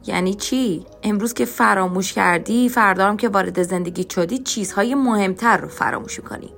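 A woman voicing a stern, angry middle-aged father who shouts and scolds, in an audiobook story. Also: mid-range voice, creaky, faint music behind. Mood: menacing.

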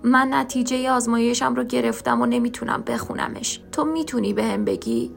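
A woman's voice: a little high, steady tone, creaky, faint music behind, voice pushed up. A woman putting on a sweet frail old lady. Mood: sweet, chatty.

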